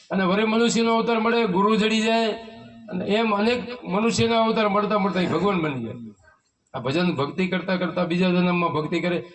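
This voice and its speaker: High-voiced Kutchi preacher, distant mic. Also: male voice. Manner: preaches in rhetorical questions and recites hymn verses. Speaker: spiritual teacher leading a satsang. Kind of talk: devotional sermon. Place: devotee's home in a village. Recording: voice from far off the mic.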